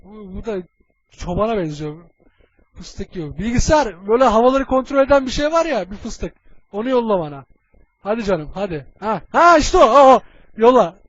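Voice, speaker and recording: A high-voiced, bossy cartoon hero played by a man in a comedy parody dub. He is scatterbrained and crude, swinging between slangy muttering and blurted orders. The audio is dull and lo-fi. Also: big pitch swings, fairly quick, dry recording. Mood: bossy, impatient.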